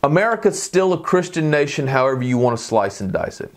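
A man preaching a sermon, teaching in a conversational way, often checking in with the listeners and reading scripture aloud quickly. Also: a little high, very animated.

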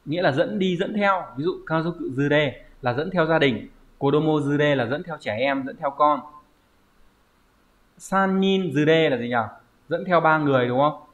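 On a dull, lo-fi recording, a man with a voice on the high side, speaking at normal speed, walks through an online Japanese vocabulary lesson. He explains step by step and keeps asking "right?" to check understanding.

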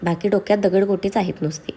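A woman's voice: medium pitch, fairly even intonation, fast talker, warm tone, slightly rough. A woman voicing a bossy young wife who scolds her husband in a storybook reading. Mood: scolding. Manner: scolding, playful.

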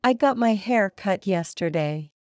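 A woman reading short English practice sentences aloud in a plain, deliberate way. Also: medium pitch, lively intonation, a little mellow, dry recording, studio quality.

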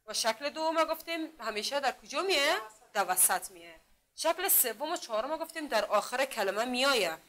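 A woman with an Afghan Dari accent teaching a literacy class. She sounds out letters and syllables slowly, asks the class questions again and again, and praises their answers often. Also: high voice, a bit bright. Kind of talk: classroom lesson.

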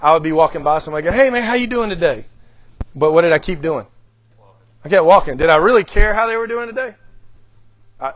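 Lively middle-aged man giving a talk. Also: high voice, no echo. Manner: lively, questions the audience often. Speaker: guest speaker. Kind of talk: motivational leadership talk. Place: small room before a live group. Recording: dull lo-fi, dry sound.

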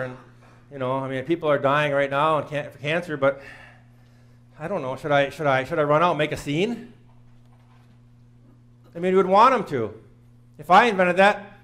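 A man's voice: on the high side, a bit bright. A man in his fifties preaching a sermon in a small church, earnest and plain-spoken, repeating phrases for emphasis. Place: small church sanctuary, in front of the altar.

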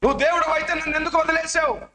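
A man preacher voicing an orphaned boy who cries out and pleads with God, shouting in grief. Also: very high-pitched, little pitch movement, very fast, roomy sound, pitched above the performer's own voice, heavily acted. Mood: crying pleading. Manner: wailing, pleading, accusing.

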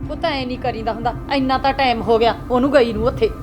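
A woman playing a mother who pleads with her angry son to calm down. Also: on the high side, quick pace, music in the background, natural voice. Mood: pleading. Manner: pleading, calming. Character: soothing mother, anxious to keep peace. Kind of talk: web series drama acting.

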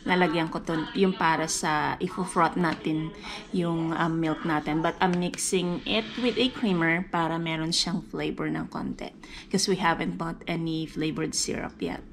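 A woman's voice: sits low, fairly even intonation, normal speed. A woman in her thirties with a Filipino accent chatting casually to camera while making coffee and shopping. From Philippines. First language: Tagalog. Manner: chatty, talks straight to camera while doing chores. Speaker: vlogger. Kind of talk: casual vlog chat mixing Tagalog and English. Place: small home kitchen and grocery store. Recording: background music under the voice.

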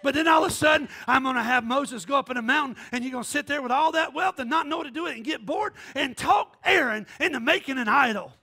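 A man preaching a fiery sermon as pastor in a church, shouting and whooping with the congregation. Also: extremely high pitch, fast talker, few pauses. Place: church sanctuary.

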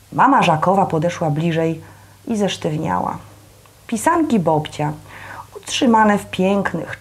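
A woman reads a novel aloud at a public reading. Her voice is husky and a little low. She keeps a measured, breathy delivery and often drops into soft asides.

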